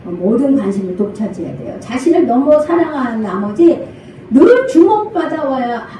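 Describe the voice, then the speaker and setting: An older woman pastor preaching a sermon, animated, acting out parent and child voices and laughing often. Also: high voice, a little hiss or hum. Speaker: senior pastor. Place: church sanctuary. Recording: echoey church hall from far off.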